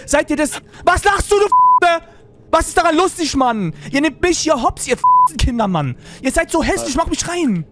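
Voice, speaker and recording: A man roleplaying in a game, shouting and cursing aggressively in character. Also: very high voice, huge pitch swings, normal speed, few pauses. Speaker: roleplay streamer. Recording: voice chat over loud game noise.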